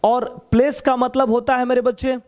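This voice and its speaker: A Bihari man teaches English in a live online class, his voice pitched very high. He speaks Hindi with a Bihari accent, chatty and playful, joking as he coaxes his students to answer. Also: flat delivery, moderate pace, darkish tone. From Bihar, India.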